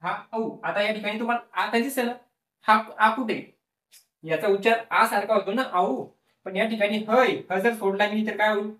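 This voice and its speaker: A man's voice: sits high, normal speed, a bit bright. A male teacher explaining a lesson, repeating each word several times and asking the class questions that he then answers himself. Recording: echoey room, voice from a distance.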